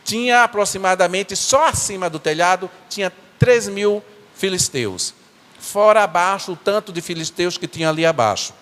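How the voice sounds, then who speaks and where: A man's voice: high-pitched, expressive, a bit bright. A man as a remorseful biblical strongman. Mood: rueful. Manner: earnest, halting storytelling with repeated words. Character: biblical strongman, remorseful, telling his own fall. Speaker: church performer. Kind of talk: first-person dramatic monologue in church. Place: church sanctuary. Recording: echoey church hall.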